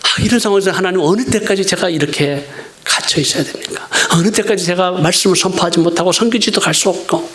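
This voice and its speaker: Man, middle-aged, missionary preacher, high voice, earnest, repeats for emphasis. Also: fast talker, fairly bright tone. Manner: earnest preaching that swings from pleading to emphatic repetition. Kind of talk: sermon.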